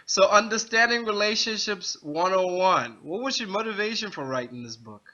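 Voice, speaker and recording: A man hosting a casual author interview, upbeat and quick to laugh. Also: sits high, expressive, muffled recording, crowd noise. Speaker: interview host.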